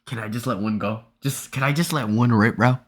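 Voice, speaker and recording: A man's voice: mid-range voice, a little fast. A young man chatting casually and ramblingly with his viewers as a live streamer, talking into his streaming mic. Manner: rambling and slangy, calls viewers bro and y'all.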